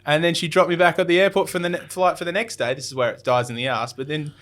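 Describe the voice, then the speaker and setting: A man's voice: on the high side, fairly even intonation, fast, fairly bright tone. A young Australian man, a podcast guest, telling a travel story in a rambling way, with many fillers and restarts and acted-out quotes. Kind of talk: casual storytelling.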